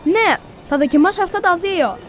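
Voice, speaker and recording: A woman's voice: very high voice, expressive, a little hiss or hum. A woman playing a friendly teenage boy who chats politely while shopping for clothes.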